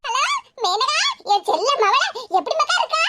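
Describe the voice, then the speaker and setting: A woman voicing a fierce, doting mother in a cartoon, calling out loudly in a southern Tamil accent. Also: extremely high pitch, expressive, moderate pace. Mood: outraged. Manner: loud and protective, calling out. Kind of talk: cartoon voice acting. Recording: loud background hiss.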